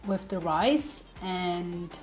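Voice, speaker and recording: Speaking very slowly in a lowish voice, a home cook vlogger whose first language is German chats casually through a cooking demo in her kitchen. She is sniffly from a cold, and music plays in the background.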